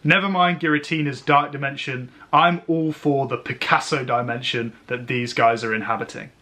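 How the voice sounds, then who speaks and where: Man giving an expressive card review. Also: medium pitch, moderate pace. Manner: expressive, eloquent wording mixed with casual slang. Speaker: trading card reviewer and host. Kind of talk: scripted review narration with casual pack-opening commentary.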